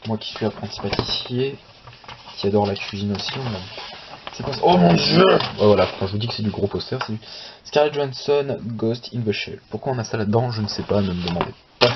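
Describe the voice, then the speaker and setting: A young man hosting a manga channel who chats casually while flipping through a magazine. He rambles, talks to himself and swears lightly, and the recording is slightly dull with a steady hiss. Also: lowish voice, fast talker. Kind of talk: casual unboxing chat.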